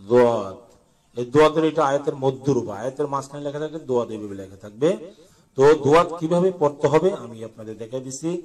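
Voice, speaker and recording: A man teaching Quran letter pronunciation, slowly chanting drills between quick colloquial explanations. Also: medium pitch, distant mic.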